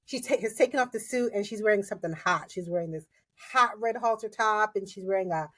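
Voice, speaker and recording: A woman's voice: medium pitch, a little fast, a bit bright, husky. A woman co-hosting a podcast, chatting casually about a TV episode with wry jokes. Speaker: podcast co-host. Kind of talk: casual TV recap chat.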